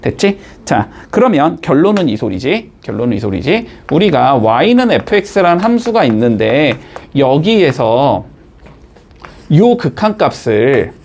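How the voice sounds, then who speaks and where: A man teaching a math class, explaining step by step and checking in with his students with quick rising tags. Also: medium pitch, sing-song, a little mellow, slight background noise. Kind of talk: classroom lecture.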